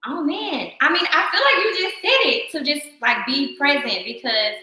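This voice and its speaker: A woman guest in a casual conversation who tells stories in an animated way, laughing often. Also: high-pitched, very echoey, poor audio. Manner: animated, laughing, quick storytelling. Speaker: guest, yoga teacher. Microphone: video call.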